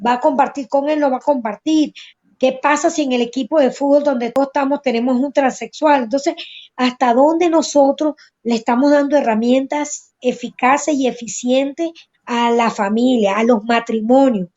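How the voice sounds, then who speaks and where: A woman's voice: high voice, fairly even intonation, normal speed, darkish tone. A woman on a religious talk show who speaks urgently and piles up rhetorical questions. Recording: dull lo-fi audio.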